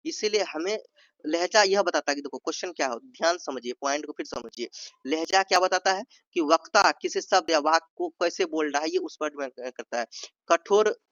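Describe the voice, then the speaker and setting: A man's voice: fairly high pitch, lively intonation, moderate pace, a bit bright, no echo, lo-fi sound. A man teaching an exam-prep lesson, going over each point twice, checking in with "ठीक है" and acting out sample sentences in different tones. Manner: repeats points, says "ठीक है" often, acts out sample tones. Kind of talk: explanatory Hindi lesson.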